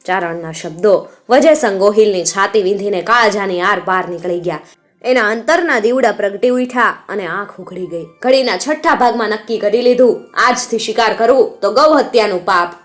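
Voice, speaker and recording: A woman's voice: medium pitch, normal speed. A woman narrating a scripted folk tale in a vivid, descriptive storytelling manner. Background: faint background music.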